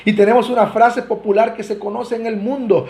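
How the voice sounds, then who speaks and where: A man's voice: very high-pitched, fairly even intonation, a little fast, a little mellow. A man with a Costa Rican accent preaching a sermon, earnestly addressing the congregation with swelling emphasis. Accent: Costa Rican Spanish. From Costa Rica. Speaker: pastor.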